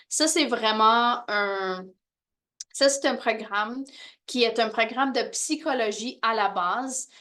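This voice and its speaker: A woman walks prospective students through university programs in a steady, mid-pitched voice. She pauses often and restarts her phrases as she goes. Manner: hesitant, many fillers and restarts. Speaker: university recruitment presenter. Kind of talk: informational presentation to prospective students.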